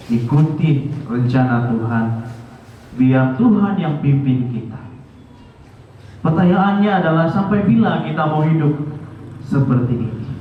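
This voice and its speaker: A man hosting a church program in an earnest, measured way, pressing hard on key words. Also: medium pitch, slight background noise. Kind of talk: sermon-style exhortation. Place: church sanctuary. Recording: echoey church hall from far off, muffled.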